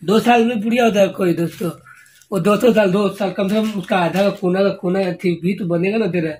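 In a casual home vlog shot on a handheld phone, a family vlogger keeps speaking to viewers as friends. His high voice is steady and a little mellow, moving a bit fast, with slight hiss or hum.

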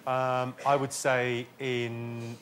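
A man's voice: medium pitch, level tone, extremely slow. A man hosting a comedy panel quiz, asking questions and revealing the answers. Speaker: quiz host. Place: TV studio with live audience. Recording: loud studio audience and noise.

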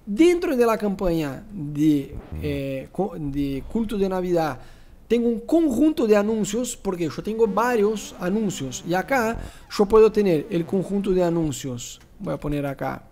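High-voiced Rioplatense man teaching. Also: unhurried, slight background noise. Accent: Rioplatense Spanish. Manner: animated, teasing, rhetorical asides. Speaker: pastor teaching church advertising. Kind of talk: live online class with screen share.

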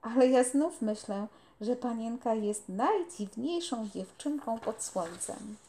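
A woman's voice: a little high, takes it slowly, dark tone, a little hiss or hum. A woman reading aloud, voicing a cheerful country boy who gardens, with an eager, rustic manner.

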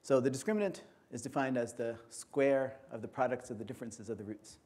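A man lectures at a conference in an auditorium, his voice mellow and relaxed at a middle pitch. He explains each step in a measured, patient way. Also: husky.

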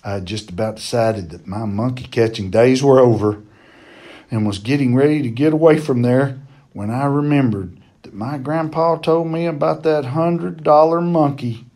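A man reading a children's novel chapter aloud in a steady, plain storytelling manner. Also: mid-range voice, normal speed.

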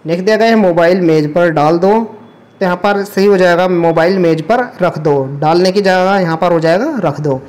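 Going over a past exam paper in a lesson, this man speaks at normal speed in a high-sitting voice with a darkish tone. He explains each step, patiently repeats every correction, and slips English terms into his Hindi.

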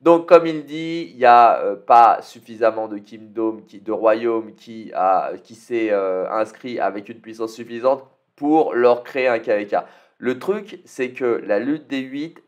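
A man with a mid-range voice chats casually over a strategy game, thinking out loud and sprinkling in little fillers. He's from France and talks straight into a desktop mic. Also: medium pitch. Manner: chatty, thinks aloud with fillers and tag "hein". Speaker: gaming YouTuber.

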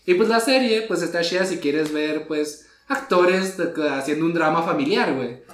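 Un hombre con acento mexicano que conversa de forma relajada y coloquial en un podcast y salpica sus frases con modismos. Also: male voice, on the high side, moderate pace, fairly bright tone, roomy sound. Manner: slangy, laid-back, peppers talk with "güey". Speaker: podcast co-host. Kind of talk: casual chat.

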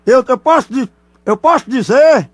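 A man's voice: extremely high pitch, lively intonation, normal speed, dry recording. A man voicing a nervous, stammering male prank caller in a radio prank call. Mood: hesitant. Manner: stammering, hesitant, teasing.

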